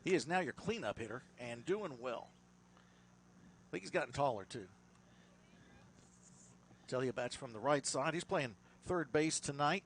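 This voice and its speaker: A man doing play-by-play for a high school baseball game, chatty and rising sharply in energy on big plays. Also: animated, a little slow, long pauses, slight background noise. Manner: chatty, laughs with his partner. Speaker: play-by-play announcer. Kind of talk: baseball commentary.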